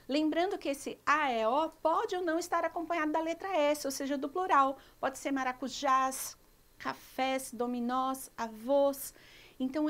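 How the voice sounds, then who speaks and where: A woman teacher with a Brazilian Portuguese accent giving a televised school lesson, pronouncing each example word slowly and deliberately. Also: high-pitched. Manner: slow, clear, pronounces example words deliberately.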